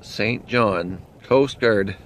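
Folksy joking man on a road trip. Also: lowish voice. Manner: folksy, joking, drawn-out remarks. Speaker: vlog host. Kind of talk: casual travel chat from a car. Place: inside a moving car on winter roads. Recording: muffled with loud road noise.

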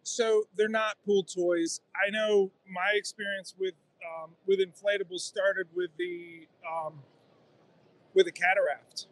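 This guest kayak angler, a man in his forties, speaks slowly in a high, level voice while walking through his gear with real excitement. It's a relaxed trade-show chat in a crowded convention hall, captured on a handheld phone held by the interviewer. He explains things eagerly and moves his hands as he goes.

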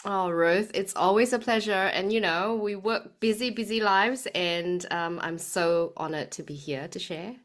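A woman's voice: medium pitch, a little slow, few pauses. A woman in her forties from Singapore with a Singaporean accent and a slight New Zealand tinge, chatting as a podcast guest with frequent fillers. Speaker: guest, health coach. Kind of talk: podcast interview.

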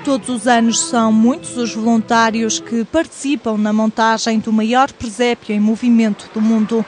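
A woman with a European Portuguese accent reading a scripted news report in an even, measured way. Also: on the high side.

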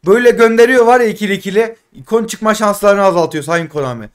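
A man doing casual live commentary while opening game packs, frustrated and pleading, swinging between loud outbursts and muttering. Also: high-pitched, quick pace. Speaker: gaming streamer.

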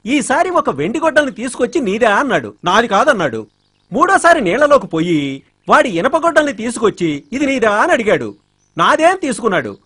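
An earnest village gardener telling a simple tale with a husky voice and a lively, swooping pitch. He narrates with patient, plain sincerity. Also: fairly quick, heavily acted. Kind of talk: comedic film dialogue.

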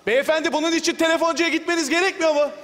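A man performing a stage sketch as a therapist calmly leading a group session. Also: very high-pitched, very fast. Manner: soothing, calming, patient. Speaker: comedian playing a therapist. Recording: live stage, hall reverb, audience.

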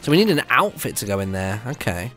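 Here the young British streamer sounds fairly low in pitch yet very animated, talking fast with a slightly bright tone. He narrates his gameplay casually for viewers, thinking aloud as he goes. Video game music plays behind his close stand mic in an indoor streaming room at home.

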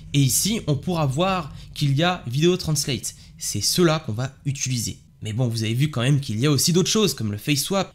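Man host of a tech tutorial, lively pitch, slightly high voice, keen explainer. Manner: animated, eager explaining. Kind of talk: screen-share software tutorial.

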